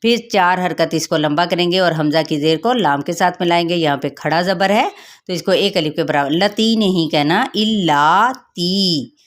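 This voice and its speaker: A woman with a slightly low voice teaches the rules of Quran recitation. She works through each letter and elongation patiently, one step at a time, like a teacher in a lesson. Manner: slow, drawn-out melodic recitation of verses; patient, step-by-step instructional explaining. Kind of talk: tajweed lesson, recitation then explanation.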